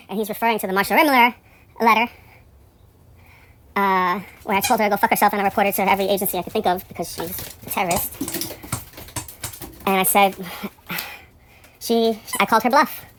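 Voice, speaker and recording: A woman telling a rambling story in a casual monologue, profane and indignant, her voice climbing high and loud when outraged. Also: steady tone, brisk, long pauses, a little hiss or hum.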